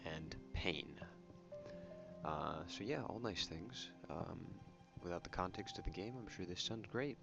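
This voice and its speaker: Soft spoken guy doing asmr game talk, really low voice, kinda rambly, music playing behind him. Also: animated, moderate pace, creaky, hardly any pauses. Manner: casual, rambling, self-correcting. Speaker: YouTube game channel host. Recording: muffled audio under prominent music.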